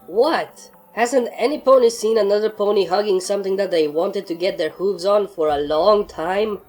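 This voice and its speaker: A woman voicing an excitable, gun-loving female pony soldier in a fan story reading, high and whiny when excited. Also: normal speed, faint music behind, lightly acted. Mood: defensive.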